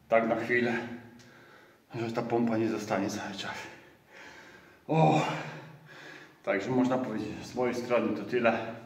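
A middle-aged man talks through his workout in a small home gym, upbeat and chatty. He is picked up by a camera mic set back from him, so his voice sounds a little distant. The hard walls give it a roomy ring. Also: medium pitch. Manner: chatty, upbeat, breaks off with loud exclamations between sets. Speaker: fitness vlogger. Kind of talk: casual workout vlog.

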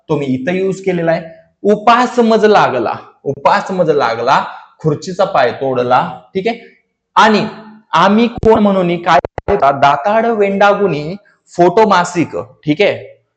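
A young man teaching an exam-prep grammar lesson in a casual, chatty way, with joking, self-mocking asides. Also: high-pitched. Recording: echoey room.

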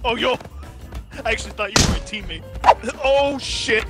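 A man playing a party video game with a friend, excitable, swearing a lot and laughing often. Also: very high voice, normal speed. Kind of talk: casual gaming banter. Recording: loud game music behind.

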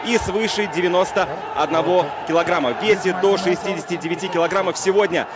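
A man's voice: high voice, fast. A man giving live sports commentary on boxing. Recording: crowd noise behind commentary mic. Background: arena crowd.

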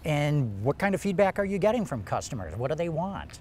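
A man's voice: a little high, very animated, a little fast, a little mellow. Older male host interviewing outdoors. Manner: conversational interviewer. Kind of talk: on-camera interview. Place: outdoors beside a car. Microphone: lapel.

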